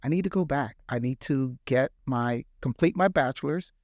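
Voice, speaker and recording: A man's voice: medium pitch, normal speed, no echo. Earnest Bahamian-raised man telling his story. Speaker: healthcare executive, guest. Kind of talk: interview conversation.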